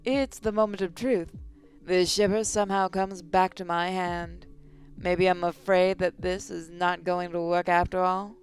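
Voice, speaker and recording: A young woman voicing a nervous, excitable young female inventor, narrating in first person with a breathless, shaky voice. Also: on the low side, measured pace, faint music behind. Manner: breathless, voice shaking when excited.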